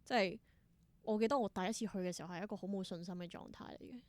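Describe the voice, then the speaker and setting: Speaking very fast in a mid-range voice with no echo, this young adult woman, a theatre performer and creator, reflects as a guest in a casual interview. She has a Hong Kong Cantonese accent and mixes in English words.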